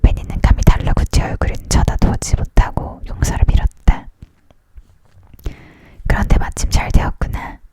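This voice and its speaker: Hushed whispering ASMR book reader, leaning in. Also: normal speed, long pauses. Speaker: storyteller reading a book aloud. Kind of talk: whispered ASMR reading of a novel.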